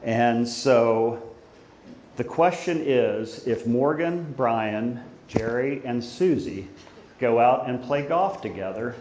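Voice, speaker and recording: A middle-aged man giving an informal father of the bride speech at a wedding reception, conversational and anecdotal, pausing for the guests. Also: medium pitch, expressive. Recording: echoey room, loud crowd and background noise. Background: crowd of guests, room noise.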